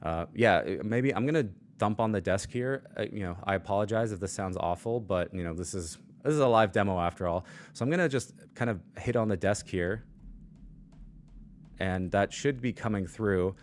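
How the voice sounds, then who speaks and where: A low-voiced man presents a live product demo and Q&A on mic gear from his desk, talking into a studio mic on a shock mount and arm. He speaks at normal speed in a casual, explanatory way, with many fillers.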